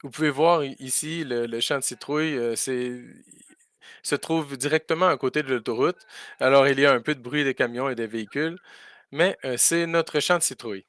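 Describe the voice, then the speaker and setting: A man's voice: mid-range voice, moderate pace, fairly bright tone, no echo. A man doing live spoken interpretation for a school farm tour, hesitating often with fillers and restarts.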